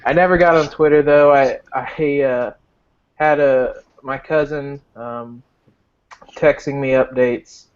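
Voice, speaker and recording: Man, podcast guest, mid-pitched, rambling with fillers, muffled lo-fi sound. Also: steady tone, slow, clean tone. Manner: rambling with many fillers, chuckling. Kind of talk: casual chat. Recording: muffled lo-fi call audio.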